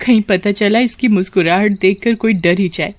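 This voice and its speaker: A woman voicing a spoiled, mocking young woman with a shrill, sneering voice in a cartoon story. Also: moderate pace, no room sound, close to an everyday voice.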